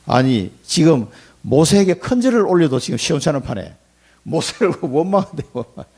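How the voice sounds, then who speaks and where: A man preaching a Sunday sermon in a church, in a colloquial, animated way, acting out the people he quotes and chuckling as he talks. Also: fairly high pitch, a little fast, breathy edge. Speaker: pastor. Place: church sanctuary.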